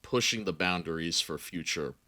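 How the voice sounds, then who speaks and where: A man co-hosting a casual movie review podcast, relaxed and joking, laughing often. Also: deep voice, moderate pace. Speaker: podcast co-host.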